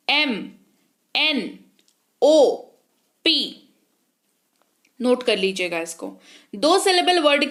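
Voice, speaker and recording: A woman's voice: high-pitched, sharp tone. A woman teaching English spelling, patiently spelling words letter by letter and checking in often. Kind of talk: spoken English lesson.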